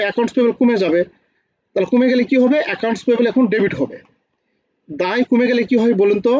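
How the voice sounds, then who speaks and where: Fast-talking high-voiced male teacher. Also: mellow, dull audio. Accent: Bangladeshi Bengali. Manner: quizzes students with repeated questions. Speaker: accounting teacher. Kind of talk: online class lecture.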